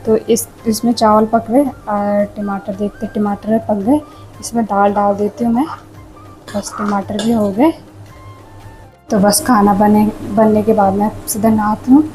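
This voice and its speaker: A young woman talks casually through a home cooking vlog and keeps addressing her viewers as friends. Her voice is mellow and warm, recorded on a clip-on mic in a home kitchen, with faint music behind her. She is hot and itchy from the heat. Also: medium pitch, level tone, unhurried, low-quality recording. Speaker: home vlogger.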